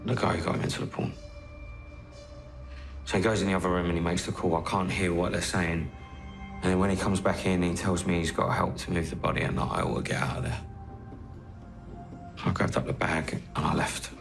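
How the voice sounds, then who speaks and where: A gravelly, very low-voiced dealer, answering police questions in a flat, guarded way. Faint music runs beneath his words. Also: fairly quick, pauses often. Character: gruff young male drug dealer suspect in interrogation. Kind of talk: TV crime drama acting.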